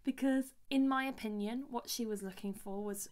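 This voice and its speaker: A young woman, a singer-songwriter, ranting in a vlog, animated and exasperated, with her voice leaping up on outbursts. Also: fairly high pitch, moderate pace.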